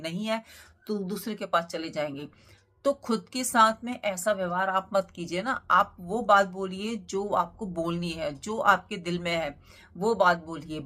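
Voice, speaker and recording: A woman's voice: mid-range voice, a bit bright. A woman, hosting a motivational talk and giving earnest advice with many rhetorical questions. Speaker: motivational channel host.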